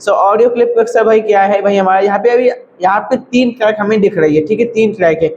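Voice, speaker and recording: A man's voice: high-pitched, fast, a little mellow, lo-fi sound, a little hiss or hum. A man teaching audio editing in a casual screen-recorded tutorial, chatty and repetitive. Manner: chatty, repeats "thik hai" and "bhai".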